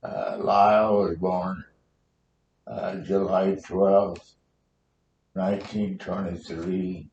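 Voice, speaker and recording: An American man in his nineties, a war veteran, telling his memories in a halting, rambling old-timer way during an oral history interview. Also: little pitch movement, a little mellow, lo-fi sound. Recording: roomy echo, faint noise and rumble.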